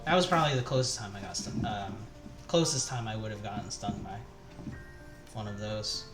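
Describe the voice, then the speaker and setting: Cooking on a live stream from his kitchen at home, a young man from Taiwan talks loosely, restarting sentences and using lots of filler words. He has a lowish, expressive voice and a moderate pace. Music plays in the echoey room, along with chopping.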